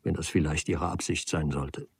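A man reading the part of a proud young woman who speaks in a sharp, reproachful way in a storybook reading. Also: steady tone, moderate pace, gravelly, husky, full character voice. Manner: sharp, reproachful, rising pitch.

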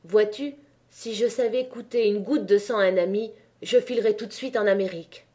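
An idealistic young man who argues earnestly and seeks advice, voiced by a woman reading an audiobook. Her tone is mellow and warm. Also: mid-range voice, moderate pace, lightly acted. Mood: searching. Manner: earnest, pleading. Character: earnest young male miner leader, idealistic.

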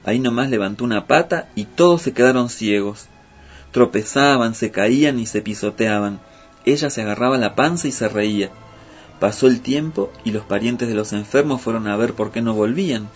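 Husky male storyteller. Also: medium pitch, moderate pace. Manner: lively, playful telling. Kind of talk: folk tale narration. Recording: muffled with faint music.

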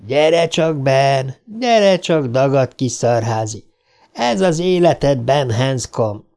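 A man's voice: medium pitch, lively intonation, creaky, a little mellow. A man voicing a gleeful, menacing male clown who taunts and cackles. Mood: taunting glee.

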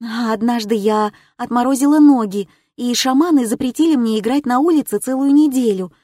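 Frightened young girl, anxious and faltering, pitched up; a woman reads her, audiobook. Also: fairly quick, warm tone, no room sound, clean studio sound, close to an everyday voice. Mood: recalling. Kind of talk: audiobook character voice.

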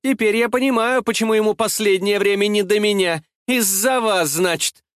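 Audiobook role: a male reader playing a coarse, jealous extortionist woman, piercingly shrill and sneering. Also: normal speed, clear, resonant tone, dry recording, studio quality, close to an everyday voice. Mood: furious. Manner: shrill, mocking, shouting.

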